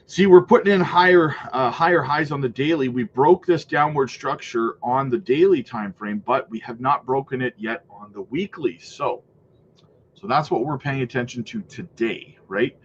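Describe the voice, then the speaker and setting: Fighting a stuffy cold, this man hosts a live crypto stream, analyzing charts and cheerfully greeting chat while peppering his talk with "right?" and "man." He speaks at normal speed with a medium pitch, over lo-fi audio carrying a little hiss or hum.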